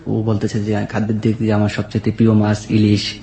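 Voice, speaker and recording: Here the same kind of guest, a young Bangladeshi man with a colloquial accent, recounts his life in a brisk monotone, his voice on the low side and dark in tone. He acts out conversations turn by turn in quotes, and the audio carries a reverberant echo.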